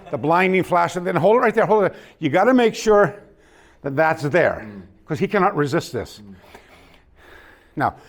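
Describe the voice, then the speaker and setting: A man teaching a hands-on martial arts class in a dojo, coaching students with quick commands and laughter. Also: on the high side. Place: dojo hall.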